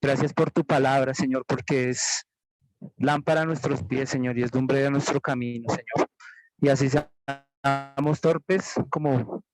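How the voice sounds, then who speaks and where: A man saying a spontaneous closing prayer, halting and humble, repeating "Lord" between phrases. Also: medium pitch, steady tone, dry recording, rough recording. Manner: halting, slow, repeats "Señor". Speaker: group member leading prayer.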